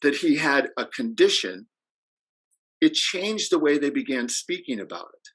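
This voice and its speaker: A man's voice: mid-range voice, big pitch swings, a little slow, a bit bright, husky, low-quality recording. A middle-aged man giving a training over a video call, telling stories in a conversational way and asking the audience questions. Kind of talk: presentation.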